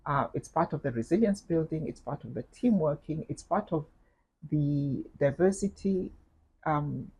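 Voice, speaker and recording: A middle-aged woman with a Kenyan accent, speaking as an interview guest in a measured, thoughtful way, with frequent fillers and repeated words. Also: sits low, lively intonation, a little mellow, breathy edge, poor audio. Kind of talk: reflective interview conversation.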